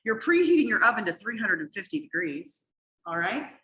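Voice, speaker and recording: A woman's voice: mid-range voice, big pitch swings, fairly quick, bright, forceful tone, poor audio. A middle-aged woman leading a cooking demonstration in a casual, chatty way, explaining each step and often checking in with "okay?". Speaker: cooking class instructor.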